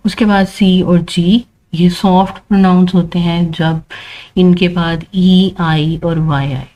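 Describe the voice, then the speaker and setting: A woman's voice: lowish voice, warm tone, rough recording. A woman teaching English pronunciation rules, patiently repeating points and checking in with learners. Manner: patient, repeats points with frequent "thik hai" check-ins.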